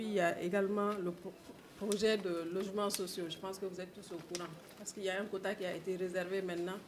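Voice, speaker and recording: A woman's voice: mid-range voice, slight background noise. A woman member of parliament giving an earnest speech at a forum, stressing her points to the audience.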